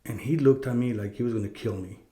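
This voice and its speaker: A man's voice: mid-range voice, quick pace, warm tone. A middle-aged man telling a personal story in a casual, rambling way, with frequent swearing, fillers and restarts. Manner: conversational, profane, many fillers and restarts. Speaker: podcast host. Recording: roomy echo.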